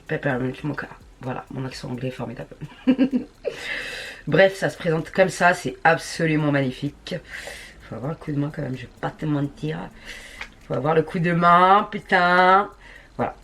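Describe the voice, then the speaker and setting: A woman's voice: sits low, breathy edge. A woman chatting casually at home while testing makeup, full of crude slang and self-mocking jokes. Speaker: beauty vlogger. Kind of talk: casual makeup tutorial chat.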